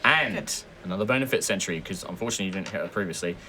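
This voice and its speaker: Animated man running a tabletop game. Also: low-pitched, very fast, a little hiss or hum. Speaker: game master. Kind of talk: improvised tabletop game narration.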